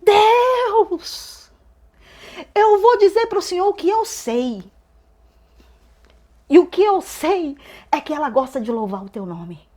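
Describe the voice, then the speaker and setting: A woman reenacting a fervent church woman shouting a commanding prayer during a testimony. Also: very high voice, animated, takes it slowly, pauses often, pitched above the performer's own voice, exaggerated voice.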